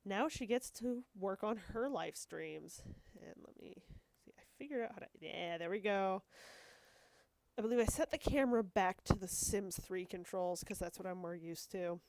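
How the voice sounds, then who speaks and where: Stuffed up and a little wheezy from a cold, this woman hosts a gaming video, giving loose, wandering commentary on her play. She is talkative and self-deprecating, slipping in frequent apologies. Her voice is medium in pitch with a darkish tone, moderately paced, and there's no echo.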